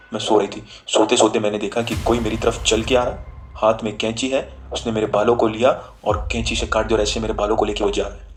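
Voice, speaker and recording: A man with a fairly low voice narrates a spooky tale in a relaxed, conversational way. He drops English words into his sentences and voices the characters' lines himself. Soft music plays faintly behind him. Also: low-quality recording. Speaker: storyteller. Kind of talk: casual spoken horror story.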